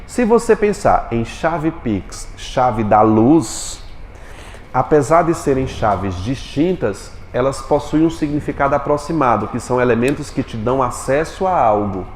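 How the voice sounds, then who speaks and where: A man with a Brazilian Portuguese accent teaching a classroom lecture and quizzing his students with quick questions. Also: mid-range voice, animated, a little mellow. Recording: echoey classroom with long reverb, faint noise.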